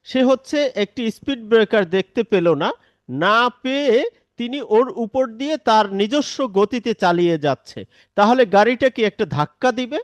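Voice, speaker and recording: Male recitation teacher, high voice, patient step-by-step explainer, dry close sound, Bangladeshi Bengali accent. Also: no echo. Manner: patient, explains step by step and drills examples slowly. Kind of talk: live online tajweed lesson.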